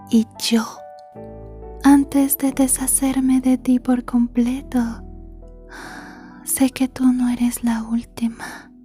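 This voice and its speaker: A woman with a high-leaning, dark-toned voice plays an obsessive, sweetly menacing yandere schoolgirl in an ASMR roleplay. She murmurs with mock-polite menace, and the mood is threatening.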